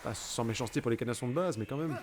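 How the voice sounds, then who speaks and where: A man's voice: medium pitch, racing, background noise. A man casually commenting on his gameplay, chatty and sweary, full of joking asides. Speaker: let's play gamer.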